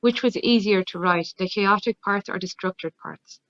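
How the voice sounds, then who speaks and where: A woman's voice: medium pitch, normal speed, no echo. A woman hosting a literary interview, informally putting questions to a guest. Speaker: event host and interviewer. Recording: close, dull lo-fi audio.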